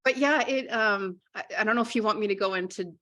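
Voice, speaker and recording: A woman's voice: medium pitch, fast, fairly bright tone. A young adult woman from Minnesota, an interview guest talking frankly and candidly, often restarting her sentences. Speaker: interview guest, writer and journalist.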